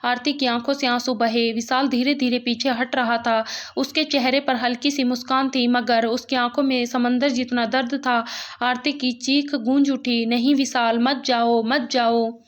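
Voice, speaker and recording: A woman narrating a dramatic, emotional story in a steady, even-toned reading. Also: a little high, normal speed.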